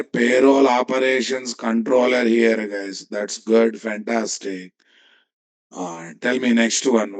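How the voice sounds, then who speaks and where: A man with a Telugu Indian English accent works as a programming instructor at a slow, drawn-out pace. His pitch sits in the middle range for a man. He repeats himself and puts checking questions to his students as he dictates code. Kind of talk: live coding lesson, dictating while typing.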